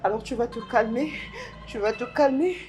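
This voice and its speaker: A woman's voice: a little high, moderate pace, over loud music, lightly acted. A woman playing a frantic young older sister. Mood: frantic, pleading. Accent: Congolese French. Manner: pleading, repeating herself insistently.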